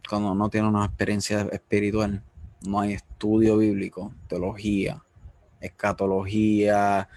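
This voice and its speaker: Man, interviewer, confessional faith talk, gravelly voice, dry close sound. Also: lowish voice, darkish tone, no echo. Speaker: interviewer, host. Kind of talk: personal faith conversation.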